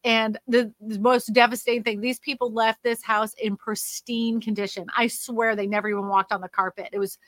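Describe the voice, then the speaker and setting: A fairly high, slightly nasal voice with little pitch movement and a fairly bright tone comes from a woman from Louisiana, USA, who hosts a casual livestream about the housing market and reads comments. She talks at a normal speed with few pauses, yet rambles chattily with frequent fillers and restarts. There's no echo.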